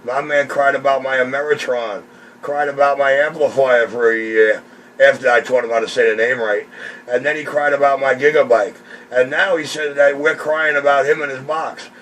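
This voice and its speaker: Over CB radio, a man mocks and complains about another operator in a mid-range, steady, slightly bright voice at normal speed. The radio chatter sounds distant, with a faint hiss.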